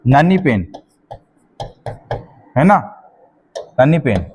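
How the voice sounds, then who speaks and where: A middle-aged man, teaching an exam-prep class and slowly dictating notes, repeating each phrase and checking in with his students. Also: mid-range voice, big pitch swings, a little mellow, slightly rough. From Rajasthan.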